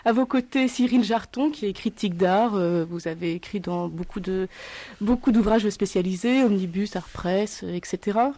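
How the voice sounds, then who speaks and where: Woman, radio host, panel discussion, measured delivery, mellow tone. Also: medium pitch. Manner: measured, introducing guests one by one.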